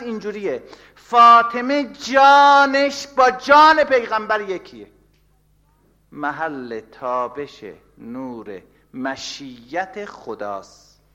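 A man preaching a sermon, swinging from loud, impassioned declarations to hushed, murmured replies. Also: mid-range voice.

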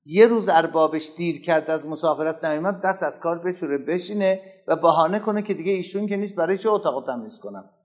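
A man giving a religious lecture, slowly reciting Arabic passages and explaining them in casual speech, growing louder on key phrases. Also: a little high. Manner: emphatic, rising in loudness on key phrases. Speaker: preacher.

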